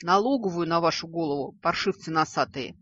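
A woman's voice: fairly low pitch, fairly quick, a bit bright, breathy edge, highs cut off. A woman reading a story, voicing a chubby, greedy male creature who bickers indignantly over money. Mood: cursing. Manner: indignant, squabbling.

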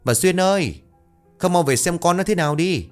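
A worried village woman calls out in a high, loud voice, pressing and insistent, as a male storyteller puts her on. Her delivery is quick and urgent, set in a spoken ghost story. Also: lively intonation, faint music behind. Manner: urgent, calling out loudly. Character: worried middle-aged village woman neighbor.

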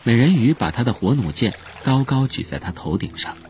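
A man narrating a storybook in a lively, expressive way. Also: medium pitch, brisk, a little hiss or hum. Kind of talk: storybook reading.

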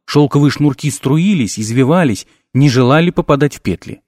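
A male audiobook narrator with a mid-range voice, reading fantasy with lively, animated swings in pitch. The recording is dry and close, with no room sound. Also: moderate pace, dry recording. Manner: expressive, lively storytelling. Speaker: audiobook reader.

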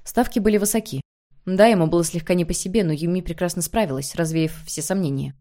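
A woman reading a novel aloud as an audiobook narrator, in measured, even storytelling. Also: on the low side. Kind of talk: scripted narration.

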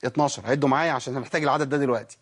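A man's voice: mid-range voice, steady tone, racing, husky. A man with an Egyptian accent teaching Quran recitation rules, asking questions and answering them himself while drawing out sample sounds. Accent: Egyptian Arabic. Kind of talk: tajweed lesson.

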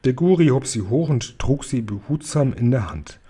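A man reading a children's book aloud in a lively, expressive way. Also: medium pitch, moderate pace, slightly rough. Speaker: reader.

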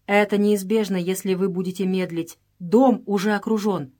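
A woman's voice: mid-range voice, steady tone, normal speed, mellow, lightly acted. A woman voicing a wounded boy servant who speaks weakly and earnestly, pleading and warning, in a read-aloud story.

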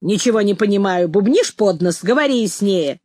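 A woman voicing a stern, tiny, gray-haired old headmistress who talks in a brisk, bossy way, in a dry recording. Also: mid-range voice, lively intonation, warm tone, no echo, close to an everyday voice. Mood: scolding. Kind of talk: audiobook character voice.

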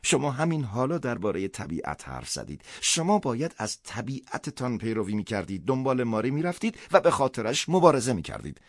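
A man's voice: medium pitch, big pitch swings, hardly any pauses, dry recording, studio quality, voice pushed up. A man voicing an imploring, apologetic man on the phone in a storybook reading. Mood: pleading.

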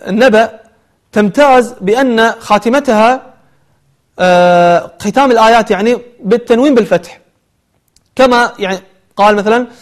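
A man teaching Quran recitation, switching between slow chanted verses and quick spoken explanation. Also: very high-pitched. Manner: alternates slow melodic recitation with brisk explanation. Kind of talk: tajweed lesson with chanted examples.

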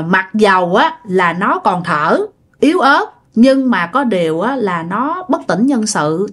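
A woman narrating a ghost story in a chatty, conversational way, talking straight to her listeners. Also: a little high. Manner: chatty, addresses listeners directly, many fillers.

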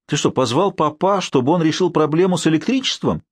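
A man's voice: fairly high pitch, lively intonation, a little fast, no echo, clean studio sound, pitched above the performer's own voice. A male narrator voicing an irritated, skeptical boss who talks sarcastically. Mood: exasperated. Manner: exasperated, sarcastic. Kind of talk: audiobook character voice.

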